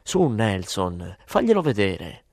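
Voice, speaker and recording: A man voicing a tipsy, smooth-talking friend who placates others, in an audiobook. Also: fairly low pitch, wildly swooping pitch, takes it slowly, darkish tone, dry recording, studio quality, exaggerated voice. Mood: placating.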